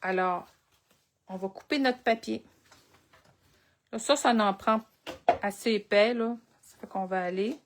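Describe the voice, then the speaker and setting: Slow-talking Québécois woman demonstrating crafts. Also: medium pitch, noisy background. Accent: Québécois French. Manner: chatty, thinks aloud while working. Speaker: crafting instructor. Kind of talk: live crafting tutorial.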